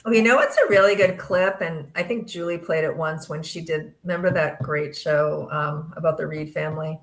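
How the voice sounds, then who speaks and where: A woman's voice: sits low, fairly even intonation, moderate pace. A woman on a casual panel chat who speaks emphatically, repeats points and keeps checking for agreement. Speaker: podcast co-host.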